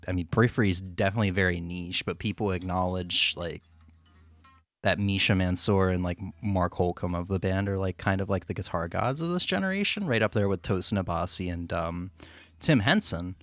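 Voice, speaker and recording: A man's voice: low-pitched, fairly bright tone, no echo. A man chatting casually on a stream in a rambling, hesitant way with some swearing. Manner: rambling, hesitant, profanity-laced. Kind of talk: casual chat to a stream audience.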